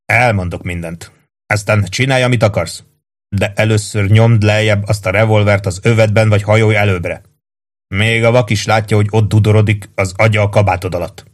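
A man's voice: fairly low pitch, fairly even intonation, close to an everyday voice. A man reading the lines of a blunt, mocking male army first sergeant in a novel.

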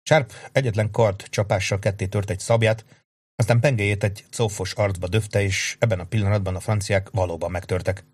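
A man with a fairly low voice narrates a book in a steady, dramatic way. The sound is dry and close, with no room around it. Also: slightly rough, dry recording. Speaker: audiobook narrator. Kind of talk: scripted narration.

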